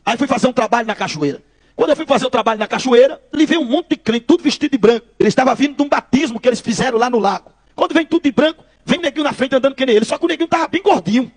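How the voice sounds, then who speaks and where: A Brazilian man with a very high voice tells his testimony at a quick clip. He acts out the exchanges in quotes and keeps turning to his listeners as brothers, in the manner of a preacher. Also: expressive. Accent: Brazilian Portuguese. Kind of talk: testimony storytelling.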